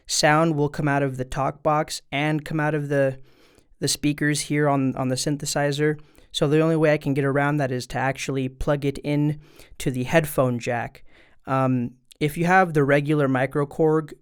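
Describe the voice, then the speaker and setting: This man has a slightly high, smooth voice. Seated at an indoor desk, he gives viewers a relaxed, step-by-step walkthrough in a chatty, direct way, recorded with a studio mic running into an audio interface.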